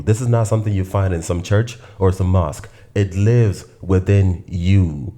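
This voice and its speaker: A man from Nigeria, hosting his own show, delivering an earnest, preacher-like spiritual monologue with long rhythmic lists and slow, drawn-out emphasis on key phrases. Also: low voice, dark tone. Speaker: host.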